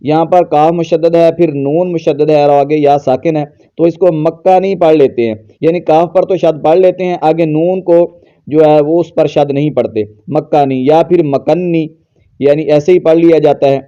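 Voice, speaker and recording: A man with a deep, mellow and smooth voice teaches Quran pronunciation. He explains patiently and then chants verses slowly as examples. The recording sounds dull and a little lo-fi. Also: fairly even intonation. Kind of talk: tajweed lesson with recitation.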